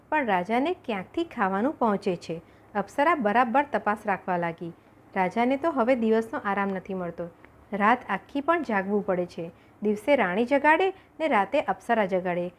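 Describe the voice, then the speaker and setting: Expressive woman reading a folk tale. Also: a little high. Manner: expressive storytelling, voices characters. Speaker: audiobook narrator.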